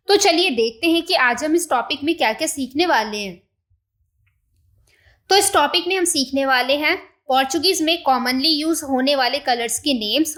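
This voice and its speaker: A woman teacher giving a beginner language lesson, saying each new word slowly and repeating it for learners to echo. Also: high voice, a bit bright.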